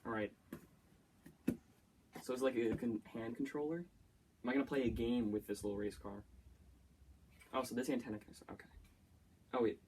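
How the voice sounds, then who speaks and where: Chatty, excitable young man. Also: medium pitch, moderate pace, pauses often, slight background noise. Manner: chatty self-talk, easily excited, jokey. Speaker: YouTuber. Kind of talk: casual build-and-play commentary.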